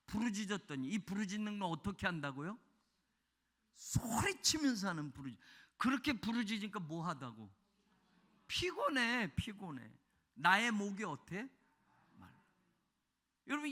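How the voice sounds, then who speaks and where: A male pastor preaching a sermon. He swings from shouting fervor to quiet, chatty asides. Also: extremely high pitch. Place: church sanctuary. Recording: long reverb of a church hall.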